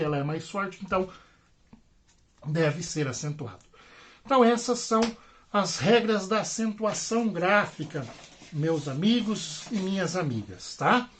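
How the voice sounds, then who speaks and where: A Brazilian man teaching a grammar lesson online. He explains patiently and repeats himself, tags his sentences with little checks, and stretches out the example words. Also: high-pitched. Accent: Brazilian Portuguese.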